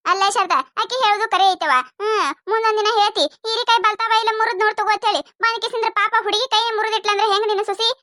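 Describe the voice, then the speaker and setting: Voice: very high voice, steady tone, quick pace, few pauses, bright, forceful tone, dry recording, clean studio sound. A voice actor playing a gossipy, tut-tutting older village neighbor with a North Karnataka accent in a cartoon comedy.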